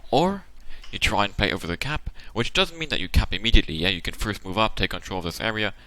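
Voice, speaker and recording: A man with a tired, worn-out voice talks through game tactics on his channel. His voice is pitched a little low but has a bright, forceful edge. He lays out option after option, thinking aloud as he goes, recorded close and dry at a desk mic. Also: animated, fast talker, dry recording. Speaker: channel host analysing a game replay. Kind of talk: casual tactical commentary.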